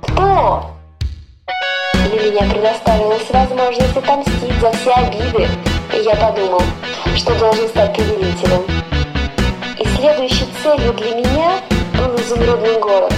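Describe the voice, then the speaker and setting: A woman's voice: on the high side, moderate pace, echoey room, loud music behind the voice, natural voice. A woman voicing a scheming, resentful, self-important man who wants to rule, in a dramatised fairy-tale storybook telling. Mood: vain, ambitious. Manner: self-important, grumbling, theatrical. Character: Urfin Jus, scheming resentful man, vain would-be ruler of fairyland.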